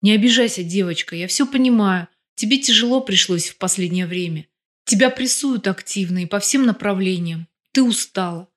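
A woman's voice: mid-range voice, moderate pace, lightly acted. A woman voicing a smug teasing husband. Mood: pleading. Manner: mocking, flirtatious.

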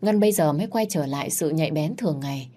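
A woman narrating a sad family story in a calm, even storytelling manner. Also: deep voice, quick pace.

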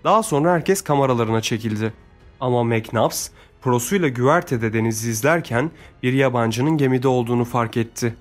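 A man narrating an adventure audiobook in a steady, measured storytelling voice. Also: medium pitch, soft background music.

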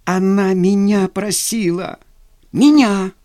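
A man's voice: a little high, sing-song, takes it slowly, pitched above the performer's own voice, exaggerated voice. A man reading a story, voicing a hurt young man who mutters in exasperation. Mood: exasperated. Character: hurt sulky young man, jilted brother.

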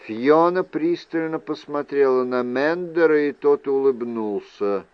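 A man narrating a fantasy novel as an audiobook, reading slowly and evenly. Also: fairly high pitch, smooth, no room sound, muffled recording. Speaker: audiobook reader.

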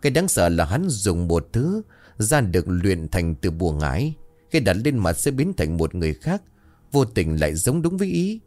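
A man narrating a ghost story in a dramatic, expressive way. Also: sits low, normal speed.

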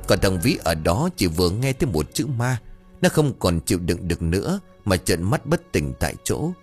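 A man narrating a ghost story with dramatic, expressive storytelling. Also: sits low, moderate pace. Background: faint music.

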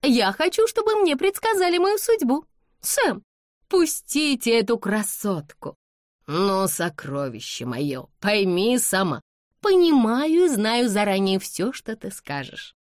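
A woman doing a shrill, haughty young society beauty. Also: very animated, unhurried, no room sound, studio quality. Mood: mocking, imperious. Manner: imperious, mocking, commanding.

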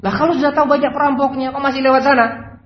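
A man voicing a rich male livestock owner who scolds his servants in a loud, indignant voice. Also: on the high side, sing-song, a little slow, vocal fry, exaggerated voice. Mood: exasperated. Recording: roomy, slightly dull recording with faint noise.

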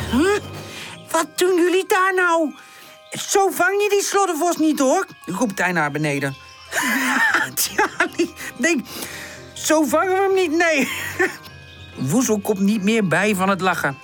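A woman narrating a children's storybook in a gentle, expressive way. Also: medium pitch. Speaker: audiobook narrator.

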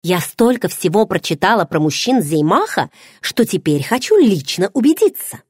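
A woman's voice: mid-range voice, big pitch swings, moderate pace, a little mellow, breathy edge, dry recording, clean studio sound. A woman voicing a playful, nosy young pregnant friend who teases with pushy questions. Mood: teasing. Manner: teasing, bubbly, pushy questions.

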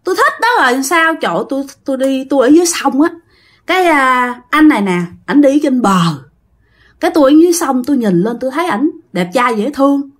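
Woman putting on a coy, high drowned-girl ghost. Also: lively intonation, fast talker. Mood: coy, stubborn. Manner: coy, whiny and high-pitched.

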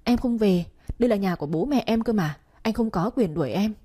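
A woman voicing a spiteful young sister-in-law with a shrill, sour tone who is loud and accusing. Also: animated, a little fast, slightly rough.

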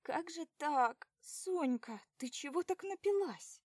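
A woman's voice: high-pitched, animated, takes it slowly, dry recording, studio quality, pitched above the performer's own voice. A woman voicing an anxious young woman with a pleading, whimpering manner.

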